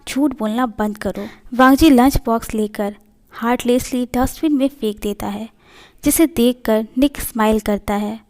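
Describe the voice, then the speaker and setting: A woman narrating a fan-fiction story in a steady, plain reading voice. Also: a little high, moderate pace.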